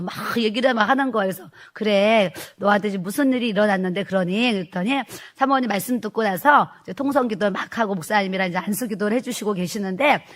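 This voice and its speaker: Speaking at a medium pitch, a middle-aged woman who is a pastor's wife shares a church testimony within a sermon, dramatizing the quoted speech and laughing as she tells it.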